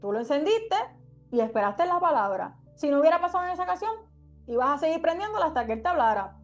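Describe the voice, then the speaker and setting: Young woman, high-pitched voice, Bible study leader, emotional testimony sermon, rhetorical questions, faint background music. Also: animated, quick pace. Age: young adult. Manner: heartfelt storytelling with repeated rhetorical questions.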